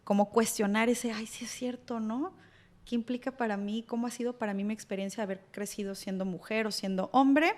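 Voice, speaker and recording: A young adult woman, a psychologist explaining ideas in a relaxed conversation and acting out what clients might say. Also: medium pitch, fairly quick. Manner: animated, voices hypothetical clients in quotes. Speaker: psychologist guest.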